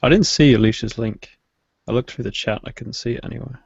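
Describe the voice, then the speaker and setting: A man hosting a casual group video call, relaxed and laughing softly. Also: medium pitch, fast talker, gravelly, breathy edge, no room sound. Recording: dry lo-fi video call audio.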